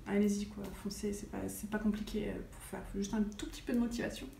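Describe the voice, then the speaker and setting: A woman's voice: mid-range voice, flat delivery, quick pace, gravelly, dark tone. A woman vlogging about wellness in a casual chat to the camera, chatty and full of hesitations. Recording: roomy sound with faint noise.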